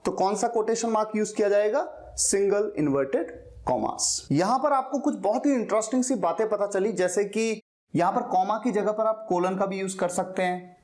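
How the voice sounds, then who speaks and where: A man teaching an English lesson, explaining step by step and slowly repeating key words. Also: high voice, darkish tone.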